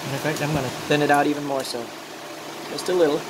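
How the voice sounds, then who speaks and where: A man with a somewhat high voice talks through a practical demonstration in a loose, rambling way. His speech sounds toothless, the consonants slightly soft and mushy. A loud, steady engine-like noise runs behind him. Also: fast. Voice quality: toothless, slightly mushy articulation without dentures. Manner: rambling, talks himself through each step. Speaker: glassworking instructor. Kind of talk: informal hands-on demonstration.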